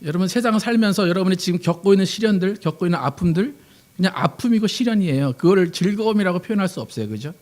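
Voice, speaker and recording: A man delivers a Sunday sermon as the pastor. His voice sits a little high, and he talks in a relaxed, conversational way. He keeps turning to the congregation with rhetorical questions. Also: fast.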